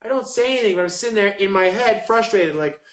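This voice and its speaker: A pro fighter in his thirties chats casually in an interview, his voice high and quick in an echoey room on a rough recording. He rambles, full of likes and uhs.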